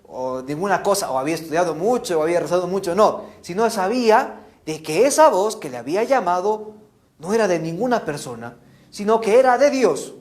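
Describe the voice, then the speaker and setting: A man telling a Bible story to children in an animated way, often checking in with them. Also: high voice, a little fast. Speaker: catechist.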